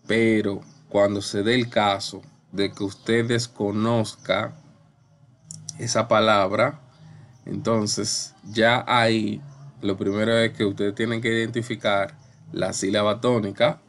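A man's voice: fairly low pitch, little pitch movement, takes it slowly, a bit bright, slight background noise. A male teacher explaining a spelling lesson patiently, asking questions and repeating the main points. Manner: patient, repeats key points, asks questions and answers them. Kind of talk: slow classroom explanation.

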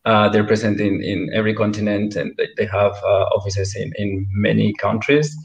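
A man's voice: on the low side, fairly even intonation, normal speed, gravelly. Man, roomy dull video call. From Bilbao, Spain. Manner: hesitant, repeats words while searching. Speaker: panel guest. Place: home room, indoors. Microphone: video call webcam.

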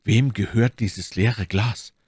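Male reader as a grave storybook swordsman, slow and grim, low voice, dry close sound. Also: steady tone, darkish tone, husky, no room sound, heavily acted. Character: grave older swordsman, somber and brooding.

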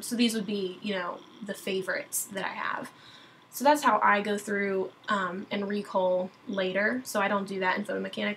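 A woman's voice: mid-range voice, a bit bright, slight background noise, low-quality recording. Chatty young woman giving a screen tutorial. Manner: chatty, many ums and restarts, self-correcting. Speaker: wedding photographer teaching software. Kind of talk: casual screen-recorded tutorial. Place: at her computer, screen recording.

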